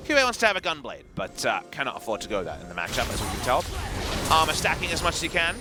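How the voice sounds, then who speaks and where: A man's voice: a little high, huge pitch swings, fast, over music. A man giving analytical esports color commentary, explaining strategy with dry humor. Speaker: esports caster.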